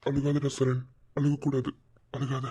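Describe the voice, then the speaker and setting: A man voicing a gentle, heartsick young husband in a cartoon, with a Madurai accent, talking softly to himself. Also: medium pitch, completely flat delivery, unhurried, breathy edge. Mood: sad. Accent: Madurai Tamil. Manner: soft self-talk.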